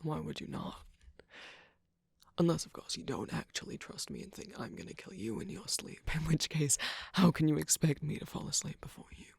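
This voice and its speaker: An ASMR performer voicing a suspicious, sardonic villain jester cookie in an intimate roleplay, breathy and often dropping to a whisper, close on the mic. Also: mid-range voice, very animated, dry recording, exaggerated voice. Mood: wheedling, wary. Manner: sardonic, teasing, drawn-out phrasing. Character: mischievous, suspicious, guarded villain cookie jester, grudgingly softening. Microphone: close, dry microphone.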